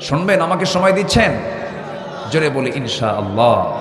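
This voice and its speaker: A man preaching a Bengali waz sermon to a large gathering, pushing the crowd to call back louder and building repeated phrases up into shouts. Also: on the high side, sing-song, moderate pace, noisy background. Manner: fiery call-and-response, pressing the crowd to answer louder. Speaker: Islamic preacher. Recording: echoey hall with long reverb.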